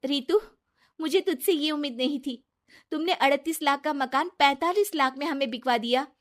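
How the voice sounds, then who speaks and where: A woman's voice: high voice, moderate pace, pitched above the performer's own voice, natural voice. Woman voicing a trusting, earnest young wife. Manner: earnest, reassuring talk. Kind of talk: animated storybook dialogue.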